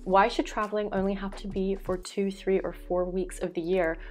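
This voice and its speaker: A woman's voice: medium pitch, level tone, normal speed, a little mellow. Earnest, thoughtful young woman vlogger. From Belgium. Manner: earnest, thoughtful, with filler words and self-corrections. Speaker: vlogger and life coach. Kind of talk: reflective talking-head vlog. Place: small room indoors at home. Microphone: fixed camera, framed chest-up.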